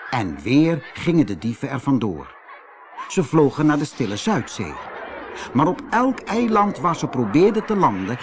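Here a fairly high-pitched man with a Netherlands Dutch accent performs a scripted kids' fairy tale with expressive flair. A little hiss or hum can be heard.

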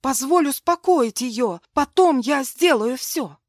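A woman's voice: fairly high pitch, expressive, moderate pace, a bit bright, no room sound, clean studio sound. A woman reading an audiobook, voicing a terrified young mother who pleads with strain in her voice. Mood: pleading. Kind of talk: audiobook dialogue.

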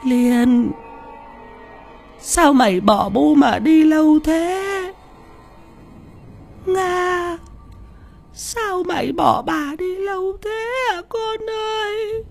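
A man voicing a possessed, frail old grandmother who wails in a slow, drawn-out, mournful way. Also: extremely high pitch, creaky, soft background music, voice pushed up, heavily acted. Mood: eerie wailing.

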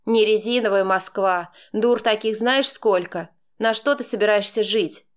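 A woman's voice: medium pitch, measured pace, natural voice. A woman voicing a brash, crude-spoken middle-aged aunt who scolds and mocks her niece in an audiobook. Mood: mocking. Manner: scolding and mocking, then soothing.

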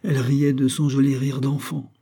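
A man's voice: mid-range voice, little pitch movement, moderate pace, mellow, slightly rough, pitched above the performer's own voice. A man voicing a bewildered young captain. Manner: bewildered, sad. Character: anxious young male army captain in love.

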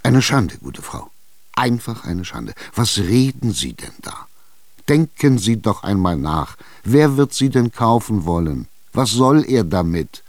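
A man's voice: fairly low pitch, very animated, unhurried, no room sound, pitched above the performer's own voice. A man playing a pushy, exasperated schemer. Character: impatient, scheming middle-aged male buyer. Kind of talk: radio drama reading.

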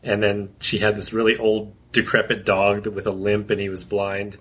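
Man in his 40s, very raspy voice, laid-back storyteller, chuckles, casual chat. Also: lowish voice, monotone, moderate pace, fairly bright tone. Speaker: podcast co-host.

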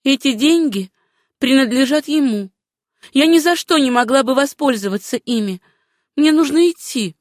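A numb young widow speaks in a soft, lifted voice, gentle yet insistent as she turns away kindness, as a female storyteller puts her on. The sound is dry and close, with no room around it, in the manner of a read-aloud novel. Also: high-pitched, expressive, normal speed, no echo, pitched above the performer's own voice. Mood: numb insistence.

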